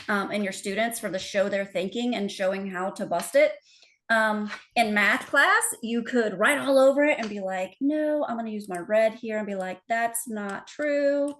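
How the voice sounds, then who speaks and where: A woman's voice: medium pitch, fairly bright tone, slight background noise. Easygoing woman co-presenter, narrates her edits as she works through a demo.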